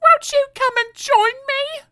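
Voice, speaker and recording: A woman voicing a lonely little girl acrobat who sobs in a squeaky voice. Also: unhurried, bright, forceful tone, heavily acted. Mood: tearful. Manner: sobbing, squeaky. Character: little Miss Somersault, tearful high girl acrobat.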